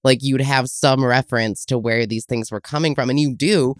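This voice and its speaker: Podcast co-host, casual chatty rambler, middle pitch, dry mic. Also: steady tone, moderate pace, no room sound. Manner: rambling, hedging with many fillers. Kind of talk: casual chat.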